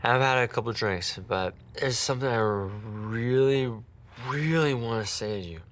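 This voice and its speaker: An actor playing a drunk, sheepish schoolteacher making a halting late-night phone call in a TV comedy-drama. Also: male voice, medium pitch, a bit bright, lightly acted. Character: drunk-dialing, then hungover, sheepish schoolteacher man. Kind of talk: television comedy-drama acting.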